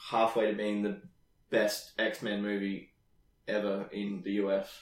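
A man chatting casually on a podcast, quick to chime in with facts. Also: on the low side, monotone, recorded from a distance. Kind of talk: casual chat. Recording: roomy echo.

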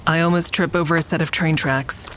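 In an audio drama, a woman with a deep, fairly bright voice and fairly even intonation plays a wary shooting survivor, narrating a nighttime adventure in the first person, a little fast. Her introspective delivery is wary and reflective, with a little hiss or hum on the recording.

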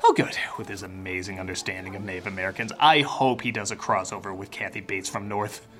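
A man's voice: low-pitched, steady tone, fast. A man giving a sarcastic comedic film review, jumping into exaggerated mock voices.

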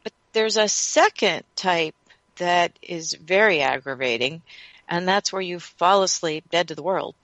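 Brief: radio host, mid-pitched, dry close mic, inquisitive. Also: measured pace, fairly bright tone, no echo. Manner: inquisitive, asking follow-up questions. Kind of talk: radio interview.

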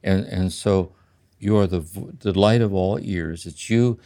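An older man in a slow, contemplative spiritual conversation, often checking in with "See?". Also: low-pitched, dark tone. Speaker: podcast host and spiritual teacher.

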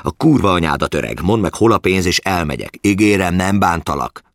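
A man's voice: low voice, expressive, dry recording, clean studio sound, voice pushed up. A man voicing a desperate, threatening young man who swears and hisses his words. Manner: hissing, aggressive, swearing.

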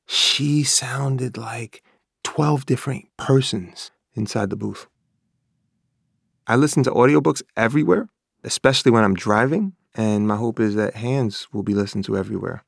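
A man speaks as an author and teacher, giving eager, prepared remarks. His voice has a gravelly edge. The recording is close and dry. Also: mid-range voice, no room sound.

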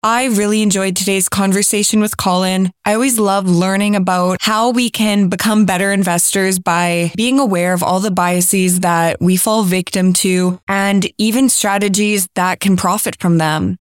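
A woman's voice: mid-range voice, steady tone, moderate pace, hardly any pauses, clear, resonant tone, dry recording, clean studio sound. A woman hosting a podcast, reading the episode intro and asking friendly, upbeat questions. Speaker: podcast host.

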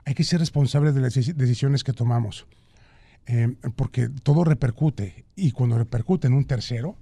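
A man's voice: medium pitch, moderate pace, vocal fry, mellow, husky, dry recording. A man, a guest actor in a radio studio, joking and then answering earnestly. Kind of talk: playful studio chat.

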